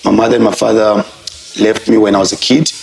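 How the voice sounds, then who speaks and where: A professional fighter from Zambia speaks earnestly about his life as an interview guest, often saying "I would say" and "you know." His voice is fairly low and gravelly, level in tone, and he talks fast. The reflective conversation takes place in a distillery room with an echoey sound and slight background noise.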